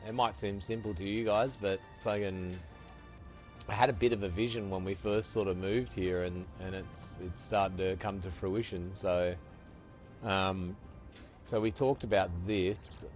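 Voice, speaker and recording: A man's voice: deep voice, fairly even intonation, unhurried. A man around fifty, chatting casually with viewers while he plays a game, swearing freely and calling them brother. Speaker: streamer. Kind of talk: casual live-stream chat while gaming. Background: faint music.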